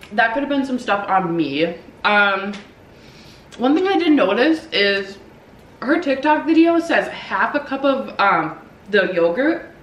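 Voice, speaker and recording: A woman's voice: mid-range voice, fairly bright tone, slight background noise. A young woman vlogging while baking, talking casually and hesitantly with lots of ums and likes. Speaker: cooking vlogger. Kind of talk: casual chat. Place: home kitchen. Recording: echoey room, mic far off.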